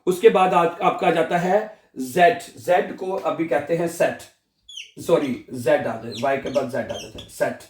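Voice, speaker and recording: A man's voice: on the high side, a little slow, darkish tone, echoey room. A man with a Pakistani Urdu accent teaching a beginner language lesson, patiently repeating each sound and checking that students follow.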